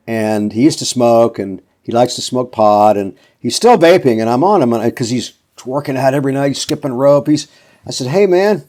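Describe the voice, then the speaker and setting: An older man in his seventies hosts a relaxed motivational talk show. He rambles through gym anecdotes in a folksy way, acting out the people in his stories. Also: mid-range voice. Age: 70s. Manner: folksy storyteller, acts out quotes. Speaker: podcast host.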